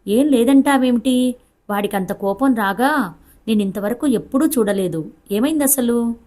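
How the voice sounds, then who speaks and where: A woman's voice: mid-range voice, moderate pace, dark tone, close to an everyday voice. A woman voicing an anxious older mother who scolds her grown son in a tearful voice, in a Telugu audiobook reading. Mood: commanding.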